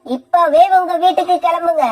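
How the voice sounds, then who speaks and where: A woman's voice: extremely high pitch, moderate pace, voice pushed up. A woman voicing a harsh, scheming young mother bird in a cartoon, talking sarcastically and scolding.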